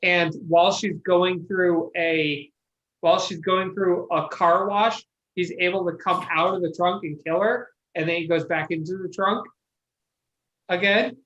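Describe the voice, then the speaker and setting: An enthusiastic podcast panelist rambles through a retelling and swears freely. The voice sits at a middling pitch, and the audio is a bit muffled. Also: fairly even intonation, measured pace, fairly bright tone. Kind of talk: casual chat.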